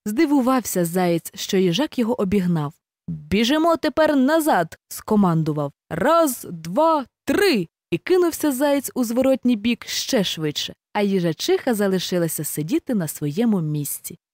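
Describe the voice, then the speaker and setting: Woman reading a fairy tale, animated. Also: medium pitch, brisk, dry recording, clean studio sound. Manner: expressive, animated. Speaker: storyteller.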